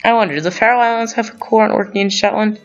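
A man's voice: high voice, fairly even intonation, quick pace. Man rambling through strategy game commentary. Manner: rambling, thinks aloud with fillers and self-corrections. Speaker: gaming channel host. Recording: dull lo-fi sound, faint music.

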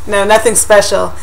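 A woman's voice: medium pitch, vocal fry, slight background noise, low-quality recording. A young woman in her home kitchen, chatting upbeat to a webcam about a pie crust shield. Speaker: vlogger. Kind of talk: casual product review vlog. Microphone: built-in webcam mic, close to the camera.

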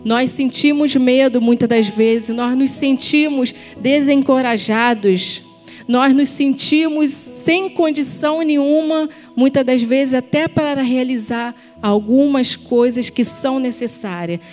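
A woman in her thirties preaches from a church pulpit, speaking slowly and earnestly into a handheld microphone. Her voice sits fairly high, and soft music plays faintly behind her. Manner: earnest, slow and deliberate, addressing viewers as brothers. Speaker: ministry team member preaching. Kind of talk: church sermon with prayer. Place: church stage at a pulpit, indoors. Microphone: handheld mic.

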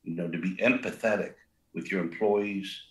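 In an echoey room, an older man who co-founded a restaurant chats in a casual interview at a normal speed. His big, low-pitched voice keeps fairly even intonation as he rambles with many fillers and restarts.

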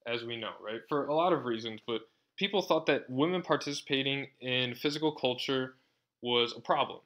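A man with a mid-range, fairly bright voice gives a university lecture in a conversational style. He keeps checking in with the tag question "right?" and often sounds sarcastic.

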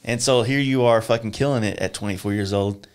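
A man's voice: fairly low pitch, fairly quick, clear, resonant tone. A man hosting a podcast, chatting casually with a guest, loose and profane with lots of fillers. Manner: laid-back, swearing, filler-heavy. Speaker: podcast host. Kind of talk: casual interview chat.

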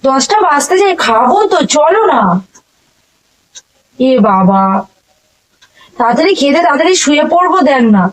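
High, lively young Bengali woman pleading. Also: normal speed, pauses often, low-quality recording. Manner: coaxing, pleading, exasperated. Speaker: wife in a prank video. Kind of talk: casual pleading talk to her husband.

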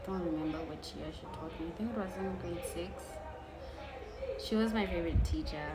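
This is a woman in her twenties with a South African accent, chatting to camera in the living room of her home and slipping into jokes now and then. She speaks on the low side as a YouTuber, and the recording is very noisy.

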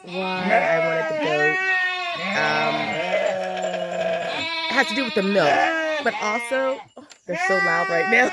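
A Panamanian farm vlogger in her thirties, with a fairly low voice, films a casual walkthrough on a phone held at arm's length in an open-sided pen on an outdoor farm. She talks in a relaxed, unhurried way with lots of ums and restarts, while goats and sheep bleat loudly amid the outdoor noise.

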